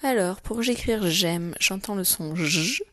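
A woman teacher reads out a spelling dictation for young children, repeating each syllable and stressing its sounds. She speaks very slowly and deliberately in a fairly low voice, and the recording is close and dry. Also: lively intonation, no room sound. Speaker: primary school teacher.

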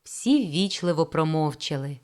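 A woman reading a story aloud in calm, measured, expressive narration. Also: low voice. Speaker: audiobook reader. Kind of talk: scripted narration.

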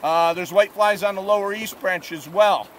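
On a drift boat on a river, a high-voiced fishing guide delivers an on-the-water fishing report, relaxed, plainspoken and heavy on fillers. A camera mounted at arm's length picks him up along with faint water and outdoor noise from the rushing river.

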